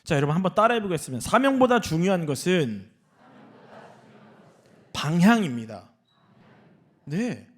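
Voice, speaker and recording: A man preaches from the pulpit with a fairly high voice that swoops up and down with feeling. He keeps turning to the congregation with questions and lets his points land hard. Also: moderate pace, long pauses. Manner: animated preaching, often asking the congregation questions. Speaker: senior pastor. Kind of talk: sermon. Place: church sanctuary.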